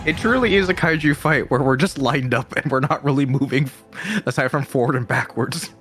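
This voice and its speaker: A man's voice: medium pitch, fairly quick, a bit bright, faint music behind. A man chatting casually as a player in a tabletop game. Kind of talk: casual chat.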